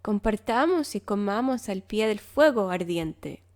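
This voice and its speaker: A woman voicing a friendly male badger in a children's storybook, speaking cheerfully and slowly. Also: mid-range voice, animated, darkish tone, lightly acted.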